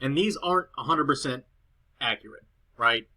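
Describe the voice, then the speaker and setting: A man with a medium-pitched, expressive voice explains a client report at a moderate pace, sounding pushed and bright. He's an SEO consultant doing a loose screen recording on a cheap laptop indoors at his girlfriend's place, rambling slightly with fillers and restarts.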